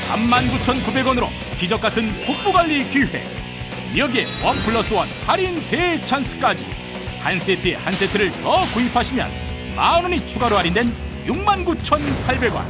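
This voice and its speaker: Loud music bed, woman announcer, lively intonation, punchy hard-sell ad narration. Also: fairly high pitch, normal speed. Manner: punchy, emphatic slogans. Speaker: advertisement announcer. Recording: voice-over with loud music behind.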